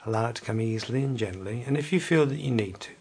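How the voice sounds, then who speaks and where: Slow and soothing, a man's husky, mid-range voice leads a guided evening relaxation, now and then fading down to a soft whisper.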